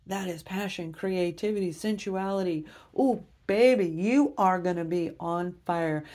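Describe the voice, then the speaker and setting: A woman's voice: lowish voice, steady tone, measured pace, a little mellow. A woman giving a tarot reading to camera, upbeat and speaking straight to her viewers. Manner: enthusiastic, addresses viewers directly. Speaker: tarot reader.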